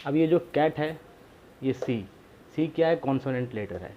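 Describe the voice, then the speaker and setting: A man's voice: mid-range voice, normal speed. Guy teaching grammar, repeats stuff, asks questions then answers them, kinda dull recording with faint hiss. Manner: patient, repetitive explaining with rhetorical questions. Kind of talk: grammar lesson.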